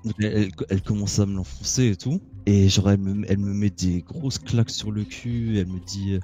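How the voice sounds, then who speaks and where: Laid-back young man with a dark voice. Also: lowish voice, fairly even intonation, a little fast, faint music behind. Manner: crude, laid-back, laughing storytelling. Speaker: caller telling a story. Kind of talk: casual storytelling chat.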